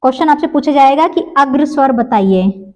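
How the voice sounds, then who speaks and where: A woman with a high voice teaches a grammar lesson in a patient classroom way. She asks the class questions and answers them herself, goes over each point again slowly and draws out the sounds she is demonstrating. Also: expressive, a little mellow, rough recording.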